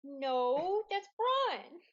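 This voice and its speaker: A woman playing a tabletop game in a playful, animated way. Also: very high-pitched, very slow. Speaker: player. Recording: muffled lo-fi mic.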